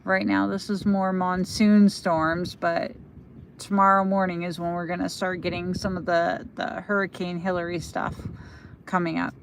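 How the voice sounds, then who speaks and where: An American woman hosting a casual livestream outdoors, chatting in a halting way and trailing off as she goes. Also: on the low side, a little hiss or hum. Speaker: livestream host for a local magazine. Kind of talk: casual live commentary answering viewer comments. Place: outdoors at night by a lake.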